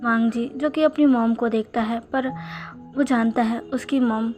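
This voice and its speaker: Female storyteller, high pitch, calm narration with a few restarts. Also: measured pace, soft background music. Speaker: fan fiction storyteller. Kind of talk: storytelling narration of fan fiction.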